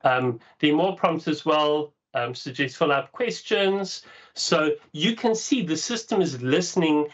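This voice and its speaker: A man's voice: fairly high pitch, animated, measured pace, fairly bright tone. A man with a South African accent giving a casual, explanatory webinar presentation over a video call. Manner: casual, explanatory, with frequent ums. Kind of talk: webinar presentation with screen share. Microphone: video call mic. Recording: dull lo-fi video call audio.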